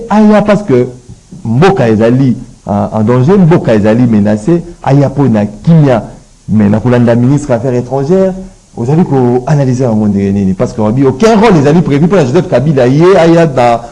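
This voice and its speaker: A man hosts a political talk show in a mellow, darker voice. He prompts his guest with frequent murmurs and asks halting questions full of fillers. He shifts between French and Lingala as he goes. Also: mid-range voice, low-quality recording.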